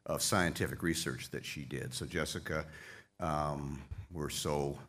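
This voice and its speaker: A man's voice: a bass voice, fairly even intonation, measured pace, fairly bright tone. A man leading an association, giving a conference speech with folksy humor, openly emotional as he thanks his staff. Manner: folksy, self-deprecating humor. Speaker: association leader addressing members. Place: conference hall stage.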